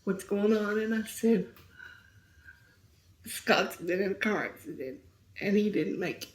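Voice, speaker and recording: A middle-aged woman telling a painful story as an interview guest, speaking softly and sometimes near a whisper. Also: mid-range voice, measured pace. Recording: roomy echo.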